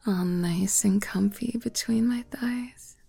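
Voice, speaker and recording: A woman performing a whispered role-play as a doting, flirty, motherly woman, intimate and close as if right in the listener's ear, coaxing softly. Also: mid-range voice, vocal fry, breathy edge, soft background music, exaggerated voice. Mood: tender, soothing. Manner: slow, coaxing, soft giggles.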